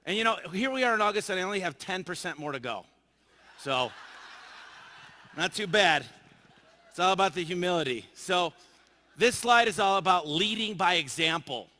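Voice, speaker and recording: A man on stage giving a motivational business talk, spinning anecdotes and voicing every character in them. His voice sits a little high and sounds bright and forceful. The sound rings out with the long reverb of a large hall. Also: moderate pace, long pauses, a little hiss or hum. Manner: animated, acts out dialogue in his stories. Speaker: keynote speaker. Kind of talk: motivational storytelling speech.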